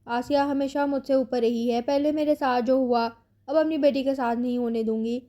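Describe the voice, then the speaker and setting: A woman's voice: high voice, steady tone, mellow, close to an everyday voice. A woman reading the lines of a scheming, bitter middle-aged aunt in a romance storybook, spiteful and falsely sweet.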